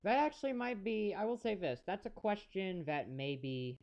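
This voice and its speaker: A man rambles through casual race commentary on a live stream and chats with his viewers as he goes. His voice sits a little high. The sound comes through a dull, lo-fi home mic. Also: animated, normal speed, gravelly, a little mellow. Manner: chatty, rambling, talks to chat viewers.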